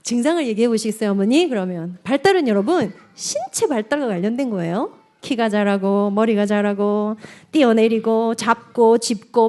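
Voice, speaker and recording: High, animated woman lecturing. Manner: animated, addresses the audience directly, acts out quotes. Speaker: evangelist lecturing at a parent seminar. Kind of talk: lively seminar lecture.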